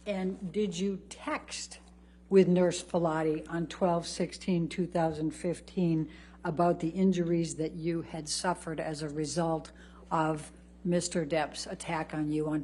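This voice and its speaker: Female attorney, lower register, formal deliberate examination, courtroom recording with faint hum. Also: flat delivery, dark tone. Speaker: lawyer questioning a witness.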